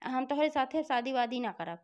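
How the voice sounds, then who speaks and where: A hot-tempered, helpless king from a village folk tale, as a woman storyteller voices him. He scolds with indignant bluster in a Bhojpuri-inflected accent, the voice high and smooth. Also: animated, normal speed, darkish tone, dull audio. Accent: Bhojpuri-inflected Hindi. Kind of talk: devotional folk tale telling.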